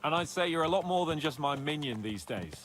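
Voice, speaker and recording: A cocky young nobleman from a video game, boastful and high-spirited. His voice is high and very animated, with theatrical flourishes and faint music underneath. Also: a little fast. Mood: warm, teasing. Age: young adult.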